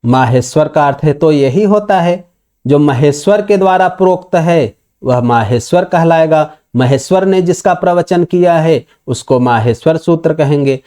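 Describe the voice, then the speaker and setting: A man teaching Sanskrit grammar in a patient lecture, slowly reciting the sutras and explaining them step by step. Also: fairly high pitch, dark tone. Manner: acts out a student's objection in dialect.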